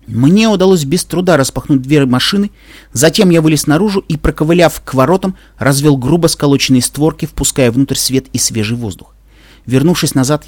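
A man narrating a story in the first person, in a steady, even storytelling manner. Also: medium pitch, no room sound, studio quality.

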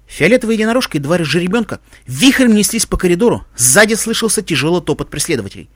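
A man narrating a fan fiction story with expressive, dramatic storytelling. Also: sits high, fast, dry recording, clean studio sound. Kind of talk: audiobook fan fiction reading.

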